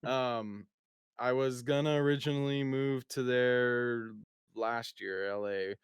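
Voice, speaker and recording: An eighteen-year-old man hosting a podcast, chatting casually and often trailing off quietly. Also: mid-range voice, steady tone, slow pace, clean tone, no echo, clean studio sound. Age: teens. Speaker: podcast host. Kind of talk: casual chat.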